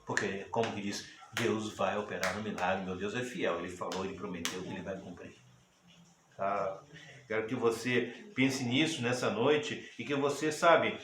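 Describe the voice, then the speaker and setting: A man's voice: fairly low pitch, fairly even intonation, moderate pace. A man preaching a sermon as pastor, repeating words and asking the congregation questions, building to rising bursts. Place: church hall. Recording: echoey room with faint ambient noise.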